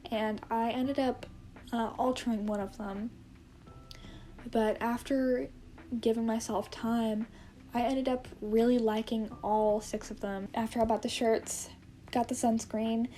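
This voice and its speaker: High, soft-toned, even-voiced young woman. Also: slight background noise. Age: 20s. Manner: hesitant, rambling, self-correcting. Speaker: vlogger. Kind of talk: casual chat to camera. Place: indoor room at home with plants.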